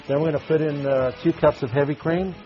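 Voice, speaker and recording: On a lapel mic in a television studio kitchen, a middle-aged man who works as a restaurant chef cooks live, chatting casually and folksily with lots of fillers. He talks fast in a fairly high voice with fairly even intonation. The recording is muffled, with faint music behind it.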